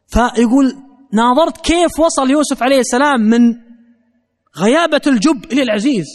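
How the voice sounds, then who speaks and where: A man's voice: extremely high pitch, brisk, in a large hall. A man preaching a sermon, telling a story and earnestly addressing his listeners directly.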